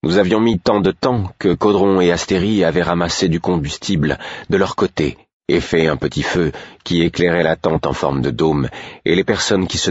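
Deep husky male audiobook narrator. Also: no room sound, lo-fi sound. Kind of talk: scripted narration.

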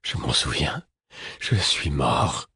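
A man's voice: a bass voice, big pitch swings, takes it slowly, bright, forceful tone, husky, no room sound, studio quality, full character voice. A sobbing, bewildered man, as a male reader puts him on. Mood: anguished. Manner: plaintive, broken by sobs.

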